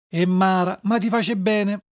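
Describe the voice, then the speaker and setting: A reader voicing a patient, motherly fairy who gently coaxes a child, speaking in a dialect. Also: medium pitch, steady tone, a little slow, lightly acted. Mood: coaxing. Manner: gentle, coaxing.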